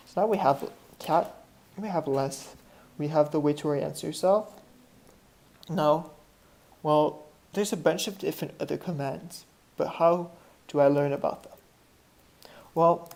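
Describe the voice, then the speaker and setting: A woman with a French accent teaching a software tutorial, thinking aloud and often restarting or correcting herself. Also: deep voice, slight background noise. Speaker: tutorial instructor. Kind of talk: screen-share software tutorial.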